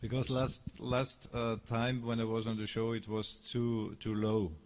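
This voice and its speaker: A man's voice: mid-range voice, flat delivery, a little slow. A man with an Austrian German accent, a guest musician speaking politely and hesitantly, searching for words.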